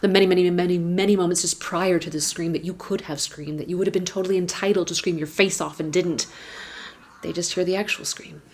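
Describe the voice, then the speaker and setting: On stage at a gala event, a woman writer reads her own personal essay at an awards gala, wry and candid, with swearing and emphatic repetitions. Her voice is on the low side and darkish, fairly even in intonation and fairly quick, with slight background noise.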